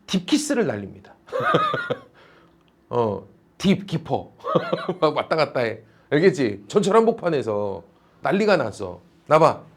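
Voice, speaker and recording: A male teacher giving a classroom lecture, teasing and calling on students by name. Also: sits high.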